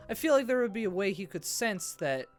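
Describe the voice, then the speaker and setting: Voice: medium pitch, very animated, moderate pace, faint music behind. A podcast co-host in casual chat, chiming in with questions and side comments. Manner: chimes in with questions and gaming references.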